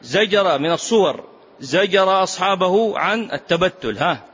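A man with a fairly high voice delivers a religious lesson, explaining a classical text to his listeners. He drives points home by saying them twice and poses rhetorical questions along the way. The recording is dull and lo-fi. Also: animated, moderate pace, fairly bright tone, slightly rough. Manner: repeats key phrases for emphasis. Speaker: sheikh teaching a classical text.

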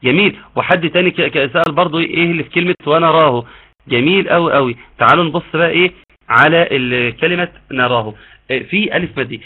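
A man with an Egyptian accent teaching an online tajweed lesson, explaining patiently and modeling slow recitation. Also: on the high side, husky. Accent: Egyptian Arabic. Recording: tinny phone-like line.

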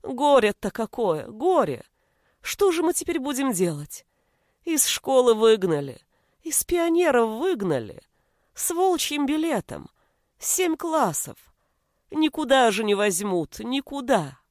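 A woman's voice: fairly high pitch, expressive, normal speed, darkish tone, no room sound, studio quality. A woman voicing a worn-out, tearful middle-aged mother who pleads and laments. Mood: lamenting.

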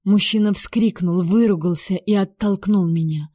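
A woman telling a story in first person as an audiobook narrator, steady and tense. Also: medium pitch, moderate pace, no echo, studio quality.

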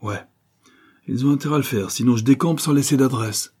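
A man voicing a sour, sharp-tongued woman neighbor, a little raised in pitch. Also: fairly quick, breathy edge, close to an everyday voice.

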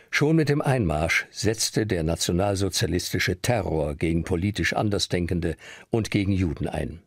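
A man's voice: low-pitched, breathy edge, no room sound, clean studio sound. A man reading scripted historical documentary narration.

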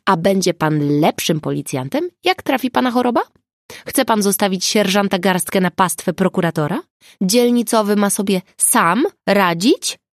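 A woman's voice: medium pitch, lively intonation, no room sound, clean studio sound, pitched above the performer's own voice, lightly acted. A woman voicing a fussing, anxious young woman. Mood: scolding. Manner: rapid, fussing, barely waiting for answers.

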